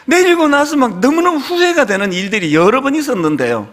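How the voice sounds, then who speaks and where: A middle-aged man preaches from the pulpit in a loose, conversational way, acting out the lines of the people in his story. His voice sits high and swings widely in pitch. A long church-hall reverb trails behind every phrase. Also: brisk. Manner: conversational, animated storytelling, acting out quoted dialogue. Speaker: pastor. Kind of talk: sermon with storytelling. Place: church sanctuary.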